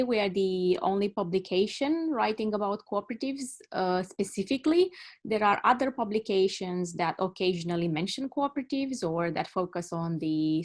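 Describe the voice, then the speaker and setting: A woman from Romania in her thirties speaks on a video call, giving a measured talk as a journalist and often stopping to rephrase. Her voice sits low for a woman. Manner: measured, self-correcting as she goes.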